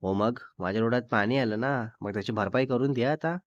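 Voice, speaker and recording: A man's voice: medium pitch, fast talker, dry recording, natural voice. A man voicing a pouting young girlfriend. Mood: demanding. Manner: petulant, tearful complaining. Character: sulky young woman girlfriend, pouting and demanding. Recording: dull lo-fi dry recording.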